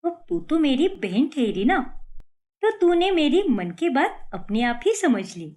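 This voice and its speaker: A woman's voice: high-pitched, very animated, unhurried, a little mellow. A woman voicing a cheeky, scheming young daughter-in-law in a cartoon story.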